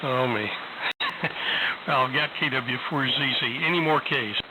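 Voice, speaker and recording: A man running an amateur radio net over the air, relaxed and folksy, with heavy static on the transmission. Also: medium pitch, unhurried. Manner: relaxed, folksy, with frequent uhs. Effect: radio transmission under heavy static. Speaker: ham radio net control operator. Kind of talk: radio net check-ins. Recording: loud radio static hiss.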